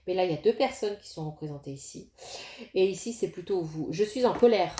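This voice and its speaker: A woman's voice: lowish voice, animated, fairly quick, warm tone, roomy sound. A woman giving a casual tarot reading to her viewers, talking directly to them with many fillers and restarts. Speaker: tarot reader.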